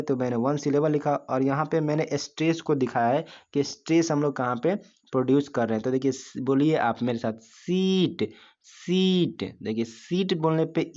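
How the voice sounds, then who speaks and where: A male teacher of mid pitch, walking his students through a lesson one step at a time and stopping often to ask them questions. He stretches out single syllables so they can say them back. The recording sounds dull and lo-fi. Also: mellow. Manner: explains step by step with frequent rhetorical questions; slowly drawls out sounds and syllables for the class to repeat. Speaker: English teacher. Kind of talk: classroom-style video lesson.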